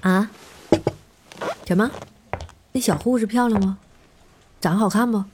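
A woman's voice: mid-range voice, measured pace, noisy background, natural voice. A woman voicing a boastful, show-off institute director in a fan audio drama, bragging and self-satisfied.

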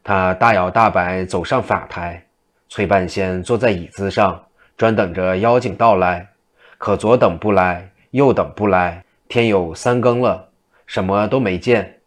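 A man narrating a classic folk tale in a steady, vivid storytelling manner. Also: low-pitched, a little slow.

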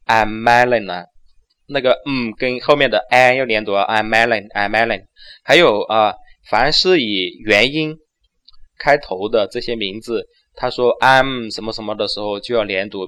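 A man whose first language is Chinese, teaching English pronunciation and slowing down to repeat phrases for learners. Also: mid-range voice, a bit bright. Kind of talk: pronunciation lesson.

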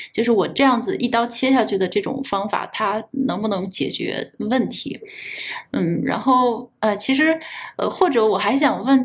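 一位女主持人在访谈中提问，常带“嗯”“呃”之类的语气词，措辞绕着说。. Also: female voice, medium pitch. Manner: hedging, many fillers as she frames questions. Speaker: interviewer host. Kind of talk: interview questions.

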